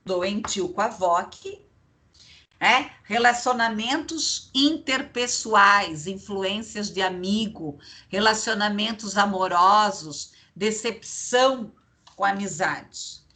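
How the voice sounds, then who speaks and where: A woman's voice: mid-range voice, slow, pushed and bright. A woman giving an online psychology lecture, chatty and digressive, tagging her sentences with little checks to the class. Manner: chatty, digressive, tag questions.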